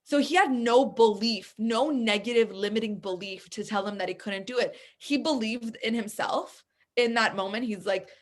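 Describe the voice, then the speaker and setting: A woman in casual conversation, an animated storyteller who acts out the voices in her tale. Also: a little high, normal speed. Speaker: podcast guest.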